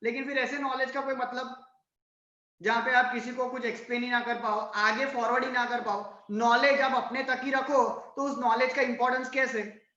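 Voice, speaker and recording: A man's voice: extremely high pitch, level tone, moderate pace, bright, forceful tone, reverberant, lo-fi sound. A male college lecturer with a Gujarati accent, teaching an online class and checking in with his students again and again. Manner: mixes Hindi, Gujarati and English, asks "right?" often.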